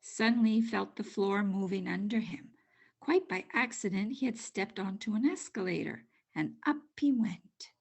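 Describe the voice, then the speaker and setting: Husky older woman reading a storybook. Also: medium pitch, normal speed. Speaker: storybook reader. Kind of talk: children's storybook narration.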